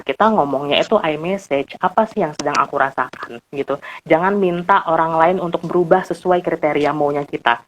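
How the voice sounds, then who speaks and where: A man's voice: on the high side, poor audio. A man, a guest expert on a live stream, explaining family communication in a chatty way with many fillers and little laughs, over a phone or video call. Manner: chatty, many fillers and small laughs, acts out quoted speech.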